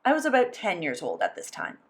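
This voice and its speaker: A husky woman's voice, on the low side, voices a sign language interview as interpreter. Her first-person delivery stays calm and measured.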